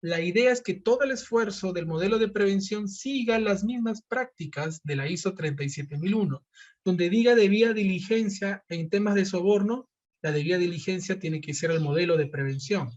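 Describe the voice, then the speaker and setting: A man's voice: high voice, dull audio. A man giving an online seminar lecture, explaining step by step and posing questions he then answers himself. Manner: explanatory, asks and answers his own questions. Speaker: seminar presenter.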